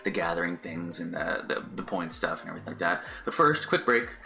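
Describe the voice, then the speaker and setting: A man's voice: sits low, lively intonation, brisk, vocal fry, sharp tone, faint music behind. A middle-aged man chatting casually on a live stream, rambling with many fillers and restarts. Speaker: Twitch streamer.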